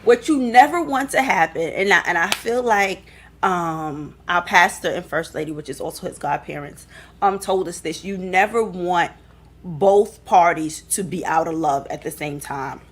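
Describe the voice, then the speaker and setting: A woman's voice: on the low side, moderate pace, fairly bright tone, slight background noise. Young adult woman, Southern US accent, playful laughing podcast co-host. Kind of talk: casual chat.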